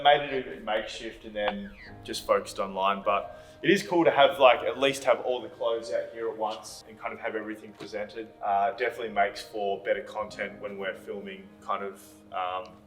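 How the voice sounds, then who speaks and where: A man with a fairly low voice talks off the cuff as he shows people around his business. His explanations are loose and a little hesitant. The sound rings with the echo of a big warehouse, and music plays faintly behind. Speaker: clothing brand owner giving a warehouse tour. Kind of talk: casual unscripted walk-through tour. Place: indoors in a large warehouse.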